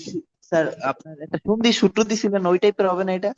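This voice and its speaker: A man student in an online class, speaking quickly and informally. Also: high voice, darkish tone, no room sound, muffled recording.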